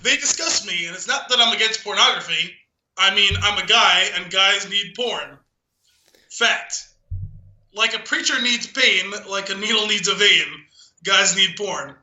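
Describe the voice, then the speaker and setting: A podcast co-host chats casually and reads a poem dramatically, clearly amused and often laughing mid-reading. His voice sits high and moves a little slowly, with a pushed, bright quality. The room is echoey and the audio is poor.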